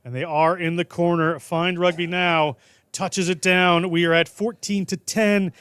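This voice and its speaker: A man calling live rugby play-by-play in a brisk, jokey way. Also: high-pitched, flat delivery, fairly bright tone, clean tone, dry recording. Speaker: play-by-play commentator.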